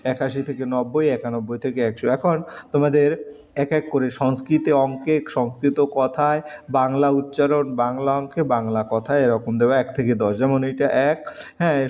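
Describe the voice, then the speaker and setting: Male tutor, mellow drawn-out recitation, lo-fi sound. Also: medium pitch, steady tone. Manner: slow, drawn-out recitation of letters and numbers. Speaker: teacher. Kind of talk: exam-prep lesson. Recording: dull lo-fi recording.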